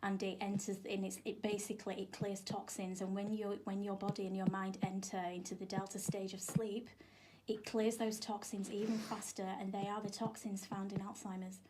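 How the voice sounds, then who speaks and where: In a radio interview, a woman who teaches yoga explains her ideas as a studio guest, informal and emphatic. She speaks at medium pitch in a level tone and at a moderate pace, and the studio recording is clear, with background noise.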